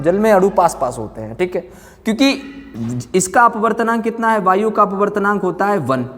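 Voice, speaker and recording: In a room with echoey, hall-like reverb, a man with a fairly high voice teaches physics exam coaching informally. He asks questions, then answers them himself, repeats the key phrases and keeps nudging his students along.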